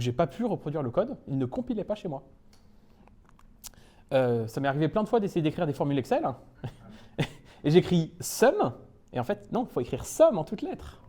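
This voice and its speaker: Brief: man from France, young adult, meetup speaker, playful self-mocking humour, lively swoops in pitch. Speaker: conference speaker. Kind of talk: humorous tech talk to a live audience. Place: meetup talk room.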